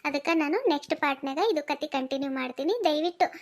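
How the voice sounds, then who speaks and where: A woman's voice: high-pitched, steady tone, quick pace. A woman storyteller with a North Karnataka accent, politely asking viewers in a casual closing narration. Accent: North Karnataka Kannada. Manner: polite, pleading. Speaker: storyteller of the channel.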